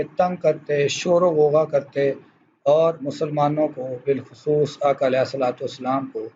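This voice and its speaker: Male teacher, somewhat high voice, formal and measured, lecturing students; dull recording with light hiss. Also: a little mellow. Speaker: school teacher. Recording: dull lo-fi recording with faint noise.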